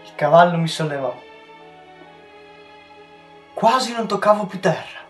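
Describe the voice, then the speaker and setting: A teenage boy, a student reader, reading a novel aloud with measured storytelling, in a roomy recording with faint music. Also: high voice, lively intonation. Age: teens.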